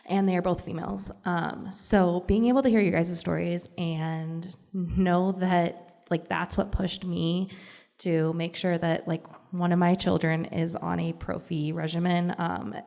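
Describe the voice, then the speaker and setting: A woman's voice: on the low side, little pitch movement, a little slow, gravelly, mellow. A woman speaking as the mother of two affected daughters in a live group discussion, heartfelt and grateful. Her voice carries the long reverb of a conference hall. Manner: grateful, heartfelt, growing emphatic. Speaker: parent of affected children. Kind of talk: personal testimony in a group discussion. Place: conference room at a live event.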